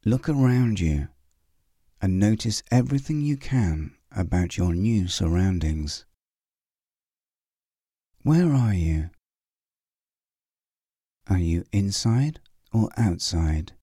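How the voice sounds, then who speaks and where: Slow, deep-voiced male meditation guide. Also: animated, mellow, slightly rough, dry recording, clean studio sound. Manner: slow, soothing, with long pauses.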